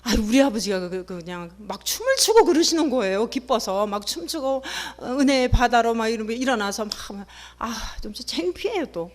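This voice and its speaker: A middle-aged woman giving an emotional testimony in a sermon, telling her story with animated, acted-out quotes. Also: on the high side, a little fast, hardly any pauses.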